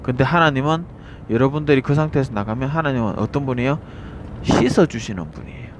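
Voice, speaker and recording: A man's voice: medium pitch, quick pace, a little hiss or hum. A man preaching a street sermon, earnest and repetitive, asking the crowd rhetorical questions.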